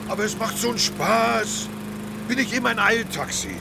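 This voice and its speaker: An actor in a children's audio drama voicing a jovial, childlike, exuberant elephant who plays at being a taxi driver. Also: male voice, high voice, animated, moderate pace, creaky, very noisy, exaggerated voice. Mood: eager, playful. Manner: exuberant, good-natured, trumpets loudly.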